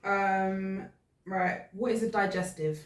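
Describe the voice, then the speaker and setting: Female quizmaster, casual chat, mid pitch, roomy sound from a slight distance. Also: takes it slowly, soft background music. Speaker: off-hand quizmaster putting questions to the hosts. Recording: echoey room, distant from mic.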